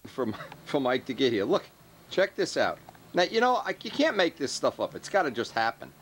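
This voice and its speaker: A man's voice: mid-range voice, big pitch swings, moderate pace, a bit bright, a little hiss or hum. A man giving casual hands-on workshop commentary, joking and teasing his helpers as he instructs them. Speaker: host, model plane builder directing helpers.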